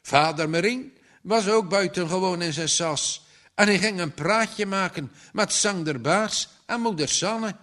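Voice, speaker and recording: A man reading a story aloud as narrator, measured and expressive. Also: sits high.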